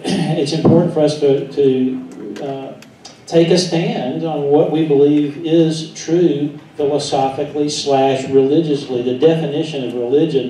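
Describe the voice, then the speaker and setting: A man with a Southern US accent, a pastor speaking at a meeting, halting and self-deprecating with many fillers. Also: mid-range voice, dark tone. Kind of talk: speech at a meeting. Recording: echoey room, distant mic, faint noise.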